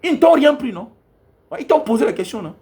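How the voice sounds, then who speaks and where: A man's voice: extremely high pitch, very animated, fast talker, a little mellow. A young man, delivering a heated, scolding monologue as a travel advisor. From Cameroon. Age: young adult. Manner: angry, scolding, repetitive rant.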